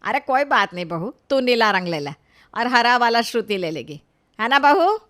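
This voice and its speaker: A woman voicing a stern older mother-in-law who gives orders and scolds loudly. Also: a little high, sing-song, moderate pace, no room sound, clean studio sound. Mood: indulgent. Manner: loud, harsh scolding.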